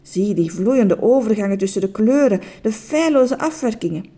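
A woman voicing a proud, flattering male shopkeeper tailor in a children's story, pitched higher than her narration. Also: moderate pace. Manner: flattering sales patter, raised pitch.

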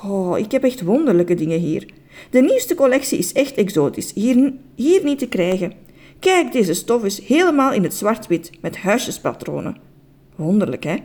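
A fussy male tailor in a storybook, all flattering sales talk, his voice lifting high and swooping with pride, as a woman puts him on. The tone stays mellow and soft at the edges. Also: moderate pace. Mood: proud. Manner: flattering sales patter, raised pitch.

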